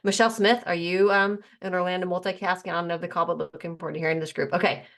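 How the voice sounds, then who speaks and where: A woman hosting a casual group video call, chatty and quick to introduce and connect people. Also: lowish voice, fairly even intonation. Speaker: host.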